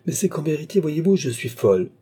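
A man's voice: fairly high pitch, sing-song, fairly quick, dark tone, husky, pitched above the performer's own voice. A man voicing a capricious, pampered young countess who speaks petulantly and imperiously.

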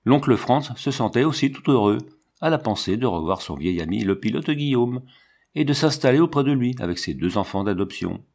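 A man narrating a classic storybook in a steady, measured reading. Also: medium pitch, vocal fry. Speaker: audiobook narrator.

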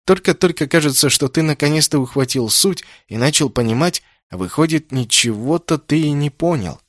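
A man's voice: on the high side, lively intonation, fairly quick, no room sound, voice pushed up. Audiobook: puzzled young hero, voiced by a man, earnest, pleading, dry close mic. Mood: bewildered. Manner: pleading, confused.

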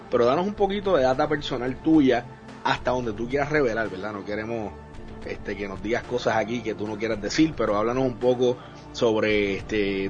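A male podcast host with a middle-pitched voice. He asks long, winding questions padded with fillers and English words. The recording is dull and lo-fi, with faint music under it. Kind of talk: conversational interview.

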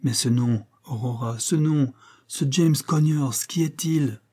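A man's voice: mid-range voice, slow, dark tone, voice pushed up. A man playing an anxious, pleading husband. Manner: pleading, earnest questioning.

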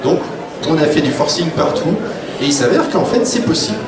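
His voice is a little high and sing-song, and he speaks fairly quickly. As an author on a panel at a public round table in a room, he relates anecdotes informally with blunt, wry humor and performs quoted remarks, recorded live from a distance in a roomy space with clear noise.

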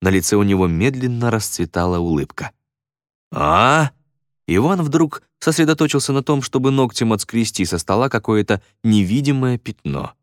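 Male audiobook narrator, low, lively expressive read, dry close mic. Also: fairly quick, hardly any pauses, dry recording. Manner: expressive storytelling. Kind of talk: scripted narration.

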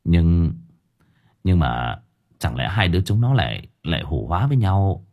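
Brief: courteous young teacher, a man reading him, deep husky voice. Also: big pitch swings, a little slow, lo-fi sound, full character voice. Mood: shocked. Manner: polite, stammering with surprise. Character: young male trainee teacher, polite and startled.

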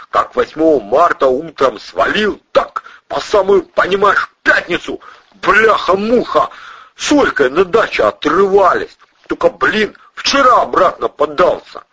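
A man voicing a big, crude male suspect who blurts out slang loudly. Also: sits high, sing-song, a little slow, breathy edge, dry recording, voice pushed up, heavily acted. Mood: excited. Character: big rough-mouthed male suspect, excitable. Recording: dull dry lo-fi audio.

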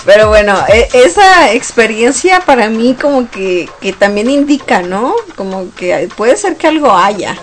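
A woman hosting a radio show, telling stories in a lively way with frequent laughs. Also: fairly high pitch, unhurried, few pauses. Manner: lively storyteller, laughs often. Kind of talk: casual radio chat.

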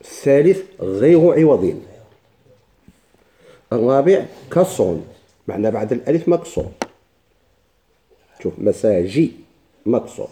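Very dark-voiced man teaching grammar. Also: medium pitch, sing-song, measured pace, pauses often, a little hiss or hum. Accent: Moroccan Arabic. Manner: explains step by step with rhetorical questions and repetition. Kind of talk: classroom grammar lesson.

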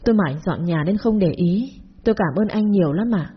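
A woman voicing a frazzled young mother who talks softly and politely in a storybook tale. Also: medium pitch, lively intonation, brisk, breathy edge, highs cut off. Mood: weary. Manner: soft, polite.

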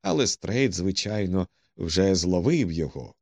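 A boastful, excitable police detective, as a man puts him on, bursting with self-satisfaction. His voice leaps up and down with lively swings, and the close, dry sound keeps every word up front. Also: deep voice, measured pace, no room sound, exaggerated voice.

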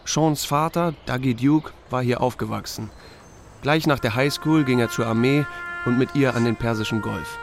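Narrating his own story as a laconic small-town sheriff, the lead actor of this audio drama keeps his delivery dry and understated between lines of dialogue. His voice is natural and medium in pitch, moderately paced, with a little hiss or hum.

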